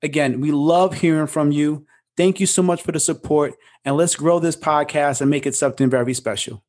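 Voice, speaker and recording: A man's voice: fairly high pitch, fairly even intonation, normal speed, darkish tone, dry recording, clean studio sound. A man hosting a podcast in casual chat, playful and joking, with an occasional put-on radio voice and some swearing. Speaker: podcast host.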